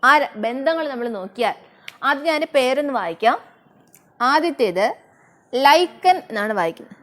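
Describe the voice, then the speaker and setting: High-voiced woman teaching biology. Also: animated. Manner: asks and answers her own questions, slows down for English terms. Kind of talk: online class lesson.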